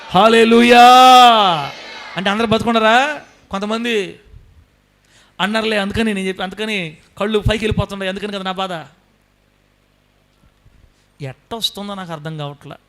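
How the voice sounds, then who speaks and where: Male pastor, Telugu accent, high pitch, fervent sermon that calls on the congregation. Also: fairly bright tone. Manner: preaching with rising intensity, calling on the congregation. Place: church service.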